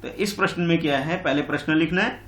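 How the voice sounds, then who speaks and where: A man's voice: fairly high pitch, fast talker, a bit bright, slight background noise. Patient male teacher in an echoey room. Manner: patient and repetitive, calls pupils बेटा. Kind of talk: online class lesson explaining a textbook.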